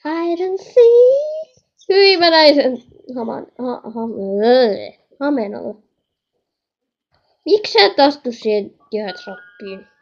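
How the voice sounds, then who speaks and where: A young woman chatting excitedly while playing a horror game, talking to viewers and scolding her mother in the background. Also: on the high side, pauses often, muffled recording. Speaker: gaming channel host. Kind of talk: game commentary.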